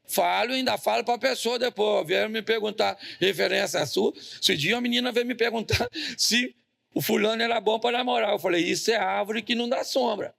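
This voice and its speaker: A pastor with a Brazilian Portuguese accent delivers a funny sermon in a church hall, cracking jokes, spinning stories and addressing the congregation directly. He speaks fairly quickly in a high-pitched, gravelly voice with a fairly bright tone.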